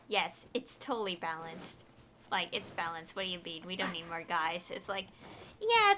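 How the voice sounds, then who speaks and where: A woman game streamer rambles casually on a livestream, sounding exasperated, opinionated, and pleading in her emphasis. Her voice is high-pitched, pushed, and bright. There's slight background noise.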